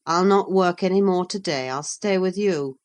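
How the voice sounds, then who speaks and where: A woman's voice: on the low side, moderate pace, a little mellow, natural voice. A woman reader voicing a sullen, resentful young man who speaks bluntly and stubbornly.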